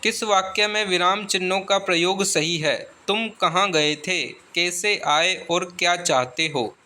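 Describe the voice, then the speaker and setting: A man's voice: sits high, bright, forceful tone. A man working as an exam tutor, reading out grammar questions and their answers. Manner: slow, deliberate reading of options.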